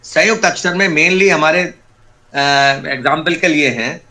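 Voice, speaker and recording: Bright-voiced man teaching pronunciation. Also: a little high, unhurried. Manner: patient, explains step by step, repeats key terms. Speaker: Sanskrit teacher. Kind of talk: online class explanation. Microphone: video call.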